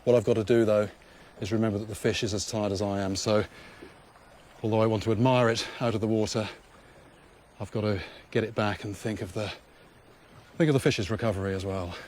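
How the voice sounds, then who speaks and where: A man's voice: lowish voice, fairly even intonation, brisk, long pauses, darkish tone, a little hiss or hum. A man presenting a wildlife show outdoors at a river, explaining and musing aloud, repeating phrases for emphasis. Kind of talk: unscripted on-location presenting to camera. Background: music.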